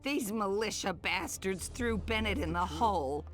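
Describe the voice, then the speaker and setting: A woman's voice: mid-range voice, unhurried, soft background music, close to an everyday voice. An actress voicing a feisty, motherly farm cook in a video game, indignant yet coaxing. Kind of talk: video game dialogue acting.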